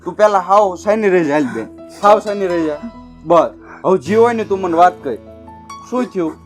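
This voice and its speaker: A man's voice: high voice, animated, moderate pace, faint music behind. An actor playing a caring elder brother who reassures and coaxes his sister in a village drama. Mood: reassuring. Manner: reassuring, coaxing.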